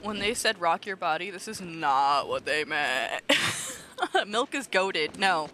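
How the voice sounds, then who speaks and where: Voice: mid-range voice, lively intonation, a little slow, bright, forceful tone, a little hiss or hum. A nonbinary streamer in their twenties chatting casually while gaming, swearing freely, laughing often and ranting with mock outrage. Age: 20s.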